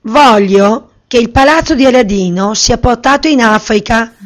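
A woman voicing a scheming old wizard disguised as a beggar, loud and drawn-out when he commands. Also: fairly high pitch, lightly acted. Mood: commanding. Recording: slightly muffled recording.

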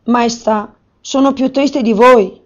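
A woman's voice: on the high side, steady tone, takes it slowly. A woman voicing an earnest young man who speaks steadily. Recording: slightly muffled recording.

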